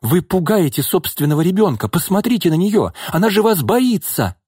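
Composed stern young nanny, read by a man, raised pitch, lively, dry booth. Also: normal speed, husky, dry recording, exaggerated voice. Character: calm, firm young woman nanny.

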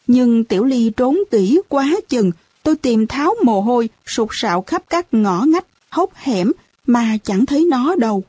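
Brief: audiobook reader, woman, fairly high voice, dry close sound, lively storytelling. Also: measured pace, slightly rough, no echo. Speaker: audiobook narrator. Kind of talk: storybook narration.

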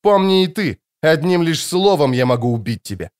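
A defiant young male leader, acted by a man reading an audiobook speaks in a raised, forceful, declaiming voice. His tone sits fairly high for a man and carries cold command. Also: sing-song, moderate pace.

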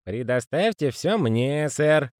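A male reader voicing a fussy, pious old postman who speaks in a raspy, wheezy whisper and keeps saying sir. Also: medium pitch, lively intonation, slow, a little mellow, no room sound, studio quality, pitched above the performer's own voice. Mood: fussy, earnest. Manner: deferential, says sir constantly. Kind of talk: audiobook character voicing.

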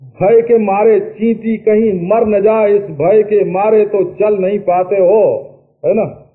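A man with a high voice delivers an unhurried spiritual discourse, drawing out each phrase. Now and then he chants verses and drops in conversational asides. The old recording is thin and tinny, like a phone line. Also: steady tone. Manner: slow, explanatory, with chanted Sanskrit verses and asides. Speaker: spiritual teacher. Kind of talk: Vedanta discourse. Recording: tinny lo-fi archival tape.

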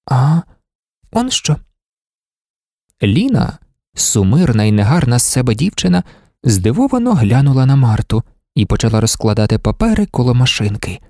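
Lively, expressive male audiobook reader. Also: mid-range voice, a little fast, dry recording, clean studio sound. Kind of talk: literary prose narration.

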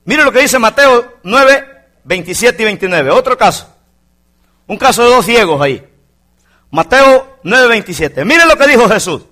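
A man's voice: extremely high pitch, sharp tone. A male pastor preaching a fervent sermon to his congregation, often calling his listeners brother. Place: church congregation.

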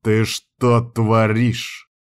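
A man reading an audiobook plays a dominant young man who gives orders in a gruff voice. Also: medium pitch, moderate pace, natural voice. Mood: commanding. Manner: gruff, commanding.

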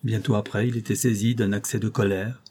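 A man reading a classic novel aloud as narrator, in a measured storytelling delivery. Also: fairly low pitch, little pitch movement, a little mellow, slight background noise. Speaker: audiobook reader.

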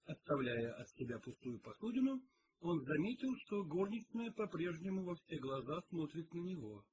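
A man narrating an audiobook in an expressive storytelling manner. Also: fairly high pitch, moderate pace, background noise. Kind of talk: audiobook reading.

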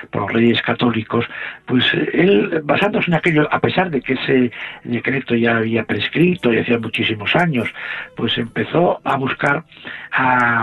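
Man, interview guest, measured and hesitant, raspy voice. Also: medium pitch. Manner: measured, explanatory, pauses often with "eh". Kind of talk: historical explanation in an interview. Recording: tinny phone-like line.

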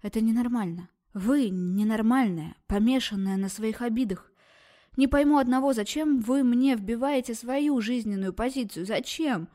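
A woman's voice: a little high, normal speed, dark tone, lightly acted. A woman voicing an angry, frightened young heroine who speaks in agitated exclamations. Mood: furious.

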